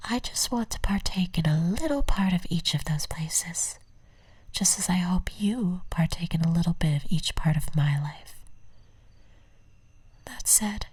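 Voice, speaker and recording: In an ASMR roleplay, a woman plays an obsessive, possessive stalker, whispering softly and breathily in a lowish voice. Her heavily acted, animated delivery is coaxing and tender yet menacing, full of ornate, deliberate endearments.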